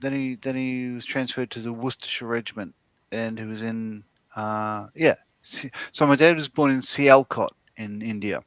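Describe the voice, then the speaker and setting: A man's voice: medium pitch, steady tone, normal speed, fairly bright tone, clean tone, no echo. A middle-aged Australian man co-hosting a livestream, chatting casually and telling rambling stories with lots of fillers and restarts. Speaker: livestream co-host. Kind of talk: casual chat.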